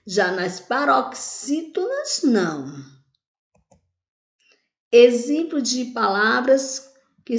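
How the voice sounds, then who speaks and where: Slow-paced woman teaching grammar. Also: medium pitch, a little mellow. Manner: stretches out words syllable by syllable, asks and answers herself. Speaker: Portuguese teacher. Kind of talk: grammar lesson. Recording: echoey room.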